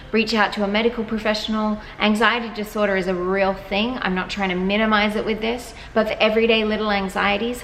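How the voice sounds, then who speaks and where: A woman's voice: medium pitch, a little hiss or hum. A woman giving casual, earnest advice to camera as a wellness vlogger, acting out quoted inner voices. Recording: echoey room with long reverb.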